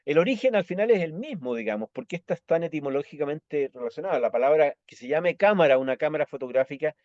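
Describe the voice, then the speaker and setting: A man with a Chilean Spanish accent teaching a lesson, patiently explaining and checking understanding with quick tag questions. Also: a little high, lively intonation, darkish tone, dry recording, dull audio. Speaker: Esperanto teacher.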